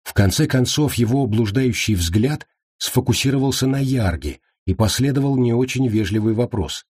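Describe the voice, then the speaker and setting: A man narrates an audiobook with an expressive, lively delivery that rises and falls freely. His voice is husky and sits at a middling pitch, recorded dry and close with no room sound. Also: moderate pace, dry recording.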